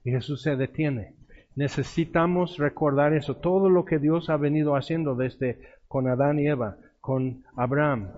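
A man's voice: mid-range voice, muffled recording. Man preaching a storytelling sermon. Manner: storytelling, acts out quoted voices.

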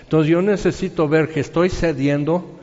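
A man preaching a sermon in a conversational, animated way, acting out quoted voices. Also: on the high side, normal speed, long reverb tail, muffled recording.

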